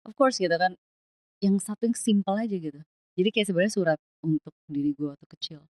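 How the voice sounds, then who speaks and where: Young woman on a podcast, low-ish voice, thoughtful, mixes in english, dry close sound. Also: fast, a little mellow, no echo. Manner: reflective, mixing English phrases into Indonesian. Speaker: podcast guest, singer. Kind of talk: casual podcast conversation.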